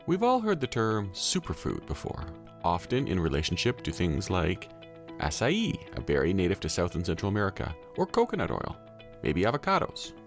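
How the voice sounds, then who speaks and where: A man's voice: sits low, wildly swooping pitch, moderate pace, soft background music. A male podcast host giving an enthusiastic intro and interviewing guests. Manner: upbeat, enthusiastic delivery.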